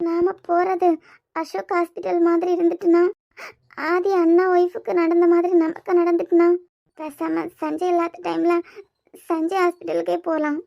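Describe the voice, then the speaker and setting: A woman's voice: extremely high pitch, little pitch movement, moderate pace, gravelly, a little mellow. A woman voicing an anxious young wife in a cartoon, speaking in a plaintive, hesitant way with a Kanyakumari Tamil accent. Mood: troubled. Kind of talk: cartoon voice acting.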